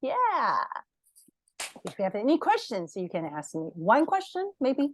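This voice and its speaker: A woman's voice: fairly high pitch, wildly swooping pitch, measured pace, a little hiss or hum. A woman, the book's author, reading her picture book aloud to children at storytime, encouraging and asking them questions.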